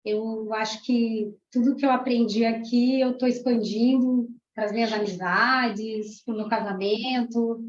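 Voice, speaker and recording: A woman's voice: a little high, fairly even intonation, a little slow, hardly any pauses, a little hiss or hum. A woman from Argentina, a parapsychologist and teacher in her thirties, giving an emotional, chatty testimonial to a class. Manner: warm, emotional, chatty, many "né"s. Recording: roomy, dull lo-fi room sound.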